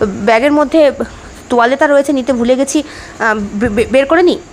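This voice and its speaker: A woman's voice: high voice, moderate pace, a little hiss or hum, close to an everyday voice. A woman voicing an adult husband in an audio story, teasing and wary, hesitant at times.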